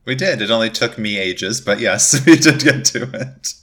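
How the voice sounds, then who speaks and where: Bright-voiced, lowish male podcast co-host. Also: animated, normal speed. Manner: emphatic, conversational, with frequent "like". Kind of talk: casual podcast chat about a TV series.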